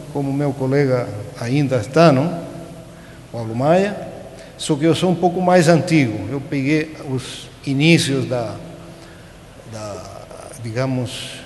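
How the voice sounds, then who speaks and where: A conference speaker in his sixties from Chile, a native Spanish speaker with a Chilean accent, gives an informal technical lecture through a podium gooseneck microphone in a large auditorium. His mid-range voice is a little mellow, and he speaks haltingly, often checking in with tag questions. The auditorium is echoey with clear background noise.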